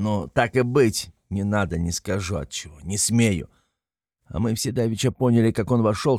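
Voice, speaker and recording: A man voicing an excitable, tipsy young man who rants passionately in an audiobook reading. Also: on the low side, gravelly, no echo, studio quality. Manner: ranting, passionate, exclamatory.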